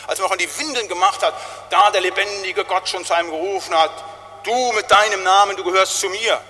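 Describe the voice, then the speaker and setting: A man's voice: high-pitched, pushed and bright. A pastor preaching a sermon to his congregation, often tagging lines with a questioning aside and building to emphatic calls. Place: large church. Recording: long church reverb.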